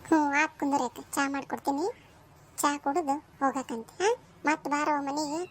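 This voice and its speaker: A woman voicing a talkative village mother who speaks in a high, lilting voice with a North Karnataka accent. She scolds and fusses with affection, a homely cartoon matriarch, with a faint hum of noise behind her. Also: fairly even intonation, a little fast, close to an everyday voice. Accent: North Karnataka Kannada. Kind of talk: cartoon voice acting.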